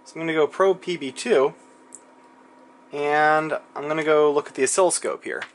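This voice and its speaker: A man with a voice on the high side, speaking at normal speed, thinks aloud through a casual hands-on electronics demo. He muses to himself at his cluttered indoor workbench, with slight background noise.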